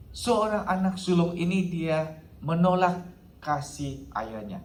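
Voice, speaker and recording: A man's voice: medium pitch, darkish tone, a little hiss or hum. A male pastor preaching a sermon, dropping English phrases into his talk and punctuating it with a frequent "ya". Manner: mixes English phrases into preaching, repeats "ya" often. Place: church hall. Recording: echoey hall, faint ambience.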